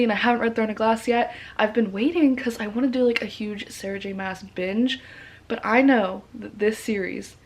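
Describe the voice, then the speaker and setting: Tired woman rambling casually. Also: fairly high pitch. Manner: informal, rambling, self-deprecating. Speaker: book vlogger. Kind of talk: casual rambling chat to camera about books.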